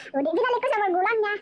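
A woman's voice: very high-pitched, very noisy. A woman casually telling her life story on a live chat, rambling and emotional, often restarting her sentences.

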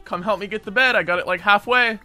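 A man giving excitable gameplay commentary as a gaming YouTuber, often yelling and laughing at the game. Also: high voice, fast talker, faint music behind.

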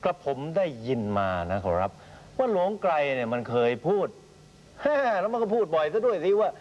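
An actor playing a fawning, scheming servant to a lord in a period radio drama, hesitant and obsequious. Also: male voice, high voice, huge pitch swings, normal speed, lo-fi sound, slight background noise. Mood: sly.

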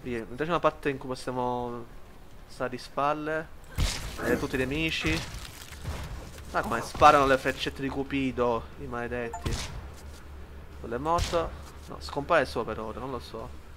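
A man giving lively commentary while playing a shooter game, shouting at enemies and muttering between fights. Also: medium pitch, normal speed, long pauses, background noise. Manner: excitable, yells at enemies, then mutters to himself. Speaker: gaming YouTuber.

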